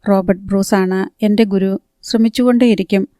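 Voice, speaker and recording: A woman's voice: medium pitch, fairly even intonation, normal speed, mellow, no echo, studio quality, lightly acted. A woman voicing a smug middle-aged lawyer who speaks with smarmy persistence.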